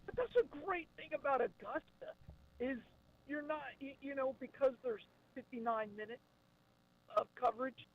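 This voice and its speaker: A man's voice: very high-pitched, moderate pace. A man talking sports on a buzzy, glitchy phone call that breaks up, stammering and repeating words as he starts. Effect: buzzy, glitchy phone call audio that breaks up. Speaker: sports radio co-host on a call. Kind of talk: casual sports talk. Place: outdoors or in a car in pouring rain. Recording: dull phone line.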